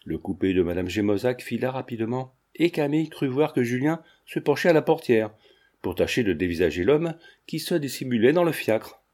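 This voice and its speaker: A man reading a classic novel aloud as an audiobook narrator, in a steady, measured way. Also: mid-range voice. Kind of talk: scripted narration.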